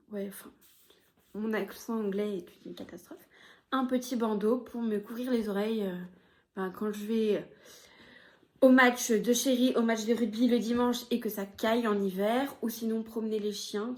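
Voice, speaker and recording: Slow, hesitant woman chatting about knitting. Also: mid-range voice. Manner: hesitant, many fillers, sometimes trailing off into soft asides. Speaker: knitting podcaster. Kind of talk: casual chat showing her knitting projects.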